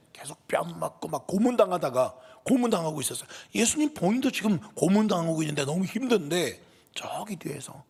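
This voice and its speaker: A male pastor preaching an emotional sermon. He swings between loud outbursts and whispers. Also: on the high side, vocal fry, husky. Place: church sanctuary. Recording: long reverb of a church hall.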